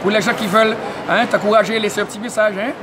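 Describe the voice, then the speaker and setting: A man who interviews at an event, excitable and tagging nearly every phrase with "hein?". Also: high voice, fast. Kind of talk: casual community media interview. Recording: noisy crowded public event. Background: crowd chatter.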